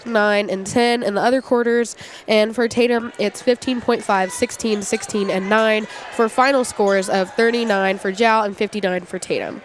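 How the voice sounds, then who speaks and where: A woman with a congested, sniffly nose gives informal, conversational live play-by-play commentary on high school basketball. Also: a little hiss or hum. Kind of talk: casual live sports commentary.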